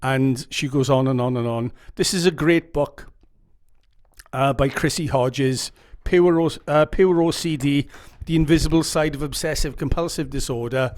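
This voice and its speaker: A YouTube channel host with a Welsh accent delivers a casual advice monologue straight to camera, earnest and rambling, reading quotes dramatically. His voice is medium-pitched and a little mellow, at normal speed.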